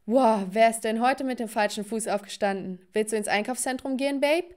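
A woman voicing a dismissive, mocking teenage boyfriend in a narrated animated story. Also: a little high, a little fast, close to an everyday voice.

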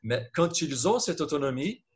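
A man's voice: on the high side, expressive, normal speed. A man from Brazil speaking French with a Brazilian Portuguese accent, talking hesitantly on a video call at a panel, often checking in with "d'accord?". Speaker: panelist teacher. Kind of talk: video call round-table talk.

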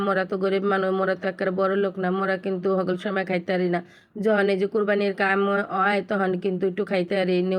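A young woman with a Barishal Bengali accent talks quickly to her viewers while she cooks in her home kitchen. Her voice is smooth and clear, and her pitch stays level. She chats in a friendly way and uses many fillers. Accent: Barishal dialect of Bengali. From Barishal, Bangladesh. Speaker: cooking vlogger. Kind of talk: casual cooking vlog chat.

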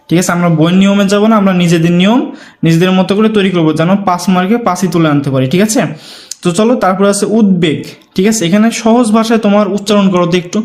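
Male teacher, high voice, patient step-by-step lesson delivery, constantly checks students follow. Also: darkish tone. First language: Bengali. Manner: keeps checking in with students, repeating words syllable by syllable. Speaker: Bangla teacher. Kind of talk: spelling and pronunciation lesson.

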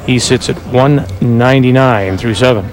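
A man with a medium-pitched voice talks at a normal speed, doing chatty play-by-play for a bowling telecast packed with asides. The audio is poor, with crowd and noise from the TV broadcast.

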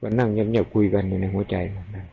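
Gravelly Isan-accented monk on tinny tape. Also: male voice, lowish voice, flat delivery, a little fast, dark tone. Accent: Isan Thai. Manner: folksy, chatty storytelling with chuckles. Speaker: Buddhist monk giving a Dhamma talk. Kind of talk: informal Dhamma talk. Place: rural monastery. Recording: tinny lo-fi recording with faint hiss.

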